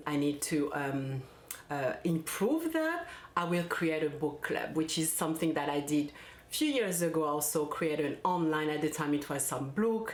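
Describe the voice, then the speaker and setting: Low-voiced woman vlogging. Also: roomy sound. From France. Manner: warm, chatty, with restarts and fillers. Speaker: parenting coach. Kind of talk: casual personal vlog.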